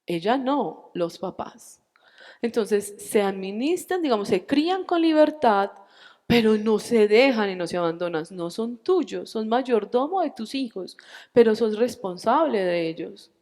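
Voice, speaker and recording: A woman in her forties with a Colombian accent, telling a personal faith testimony at a church retreat, animated and acting out the dialogue. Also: a little high, a little slow, long reverb tail. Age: 40s.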